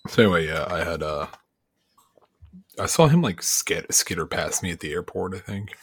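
A man's voice: low voice, expressive, normal speed, fairly bright tone, slight background noise. A man co-hosting a podcast in casual chat, rambling with lots of fillers and easy laughter. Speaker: podcast co-host.

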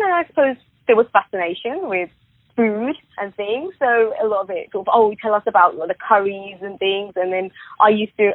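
A woman from the UK, talking reflectively in a casual conversation, often pausing and restarting. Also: mid-range voice, dry recording. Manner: reflective, halting, many restarts. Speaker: guest. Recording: phone-line quality, dry.

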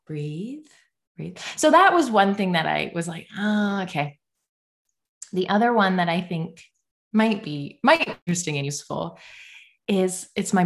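Animated, self-mocking woman guest. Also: lowish voice. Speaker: podcast guest. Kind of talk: casual storytelling interview.

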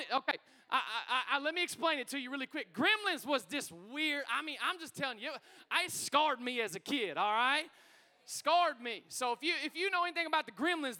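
A middle-aged man preaching a sermon as pastor, energetic and calling out to his congregation in a church hall. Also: very high voice.

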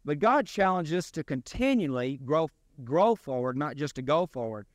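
A man preaching a sermon as pastor, in a deliberate, emphatic delivery with rising and falling stresses. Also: fairly high pitch, animated, dry recording, clean studio sound.

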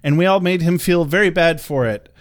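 A young adult man co-hosting a podcast in casual chat, wry, sarcastic and quick to swear. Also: a little high, dry recording, studio quality. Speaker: podcast co-host.

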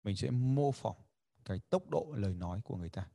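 A man's voice: lowish voice, lively intonation, a little fast, vocal fry, mellow, no room sound, studio quality. A man teaching a livestreamed lesson, chatty and demonstrative, acting out example lines and laughing often. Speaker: communication skills teacher. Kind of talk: livestreamed lesson addressing viewers.

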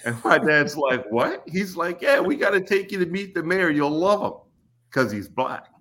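A man in his forties from Kentucky, a podcast guest telling stories in an unhurried way with frequent ums and restarts. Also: a little high, big pitch swings, fairly bright tone, a little hiss or hum. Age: 40s. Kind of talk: casual podcast interview.

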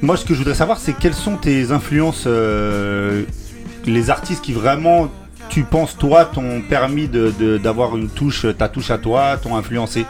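A man co-hosts the show and gives his honest opinion in quick, frank bursts. Faint music plays in the background. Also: mid-range voice, darkish tone. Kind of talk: casual interview.

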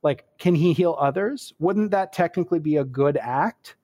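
Man with a fairly high voice, talkative and rambling, casual podcast storyteller. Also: expressive, moderate pace, dark tone. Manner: rambling, many fillers, jokey asides. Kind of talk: casual chat.

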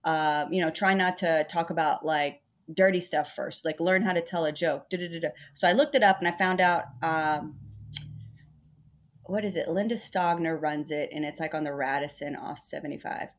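A woman's voice: low voice, moderate pace. A woman comedian from Texas, in her thirties, telling her story in a chatty, self-deprecating way during an interview. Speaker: stand-up comedian.

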